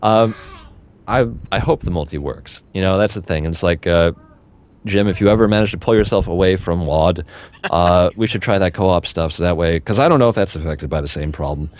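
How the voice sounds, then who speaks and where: Deep-voiced man in casual gaming chat. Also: brisk, a little mellow. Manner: rambling, swears freely. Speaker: podcast host.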